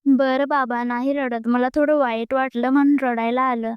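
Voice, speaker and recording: A tearful, sulky young woman clerk, usually playful, speaking slowly and sadly in a high, smooth voice, as a woman reading a story puts her on. The sound is close and dry. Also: fairly even intonation, no echo, highs cut off, natural voice.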